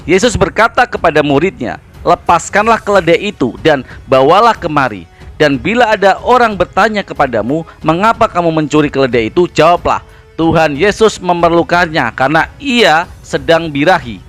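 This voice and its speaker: A man's voice: on the high side, lively intonation, normal speed, fairly bright tone, soft background music. A man hosting a channel, giving heated, mocking reaction commentary in a combative way. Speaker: channel host.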